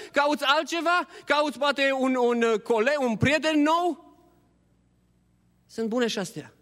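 High-voiced preacher in echoing church. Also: male voice. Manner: impassioned preaching, swinging between hushed appeals and high pleading. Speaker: pastor. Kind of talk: Easter sermon. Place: church hall. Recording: long church hall reverb.

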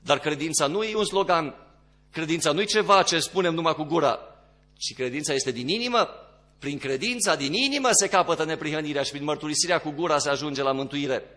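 A man preaching a sermon, dropping to quiet low passages and rising into emphatic, louder ones.

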